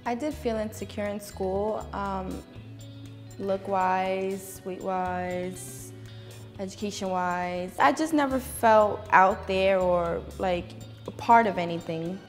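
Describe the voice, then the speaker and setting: Woman, candid, hesitant. Reverb-heavy room, soft music. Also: medium pitch, slow pace. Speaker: former student interviewee. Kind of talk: documentary interview.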